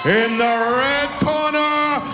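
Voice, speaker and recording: High, forceful male ring announcer, slow and echoey. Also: steady tone, over music, crowd noise. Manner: drawn-out, ceremonial delivery of names. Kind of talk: boxing ring announcer introductions. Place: indoor fight arena. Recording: echoey arena public address.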